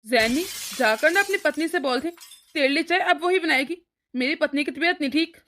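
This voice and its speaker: A woman's voice: high voice, fairly quick, sharp tone, a little hiss or hum. A woman voicing an irritable elder son in a cartoon story, complaining and arguing. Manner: complaining, argumentative.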